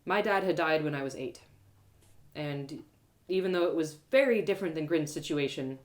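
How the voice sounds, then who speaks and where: Her voice sits low as she tells a fantasy story in the first person, reading it aloud like a live storyteller. She is expressive and leans on dramatic pauses.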